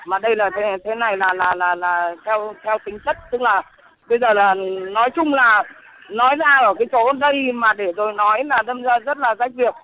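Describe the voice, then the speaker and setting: A woman calling in as an eyewitness, speaking in a halting, indignant way over the phone. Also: on the high side, no echo. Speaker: eyewitness caller. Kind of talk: phone interview. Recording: tinny phone line.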